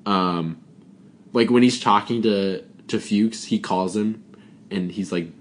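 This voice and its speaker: Male podcast co-host, low voice, loose giggly delivery. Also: slow pace. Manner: giggly, rambling. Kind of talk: casual chat.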